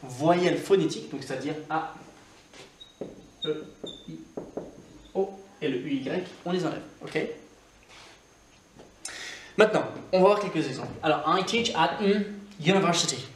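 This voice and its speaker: Guy explaining english grammar, bit higher voice, echoey room, faint hiss. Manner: casual, repeats example words slowly, thinks aloud with fillers. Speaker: English teacher.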